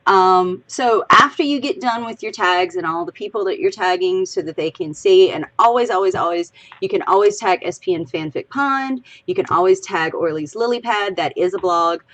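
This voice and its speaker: Her voice is lowish and a bit bright, moving at a normal speed with few pauses. She's a Southern-accented Louisiana woman co-hosting a laid-back livestream podcast, a bit tipsy, rambling and chatty with giggly asides.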